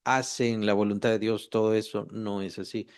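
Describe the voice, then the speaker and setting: A man's voice: on the low side, level tone, normal speed, clear, resonant tone. A man leading a Bible study, often repeating key words, rephrasing himself and asking rhetorical questions.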